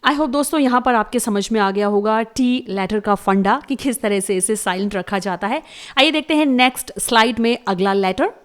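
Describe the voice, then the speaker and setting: A woman teaching a slide lesson, reading out rules slowly and spelling each word letter by letter. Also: on the high side, clear, resonant tone. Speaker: English teacher.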